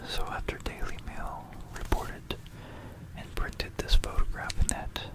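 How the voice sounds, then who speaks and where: Close to a stereo binaural microphone, an ASMR host recounts history in an unvoiced, breathy whisper. The pace is unhurried, with pauses and phrases gently repeated, and the audio quality is poor.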